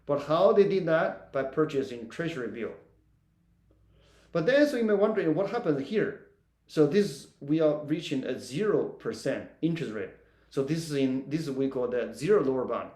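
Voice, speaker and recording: A man's voice: fairly high pitch, lively intonation, normal speed, darkish tone, reverberant. A man giving a recorded economics lecture, who often checks in with "right?" and restarts his phrases mid-sentence.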